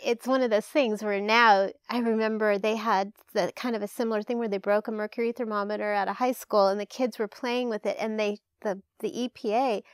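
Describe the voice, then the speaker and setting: A woman co-hosting a chat show, chatty and quick with personal asides. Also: mid-range voice, steady tone, clear, resonant tone, dry recording, studio quality. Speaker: co-host. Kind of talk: casual interview chat.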